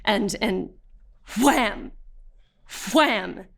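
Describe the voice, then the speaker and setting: A woman's voice: medium pitch, unhurried, natural voice. An actress playing a defiant young woman of twenty-one, telling her arrest story as documentary theatre testimony. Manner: animated, vivid storytelling. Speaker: actor.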